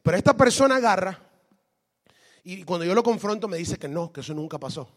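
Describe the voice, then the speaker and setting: A man preaching a sermon, lively, switching between Spanish and English and asking the congregation questions. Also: sits high, fairly quick, long reverb tail. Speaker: pastor.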